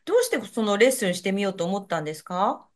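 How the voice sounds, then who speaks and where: A woman's voice: medium pitch, fast talker. A middle-aged woman hosting a casual podcast interview, encouraging her guest and laughing often. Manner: warm teasing, laughs often, lively cheering. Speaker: podcast host.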